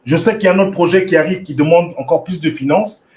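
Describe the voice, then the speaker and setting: A man's voice: fairly high pitch, fast, darkish tone. Man host asking probing questions. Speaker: interviewer host. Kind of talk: conversational interview.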